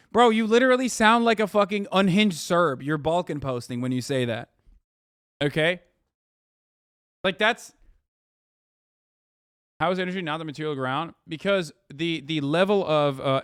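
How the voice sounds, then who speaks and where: A streamer reacts to an article in a fairly high, smooth, fairly bright male voice, recorded close and dry without echo. He rants with heated sarcasm and plenty of swearing, lingering on fillers before hammering his point home in this live commentary.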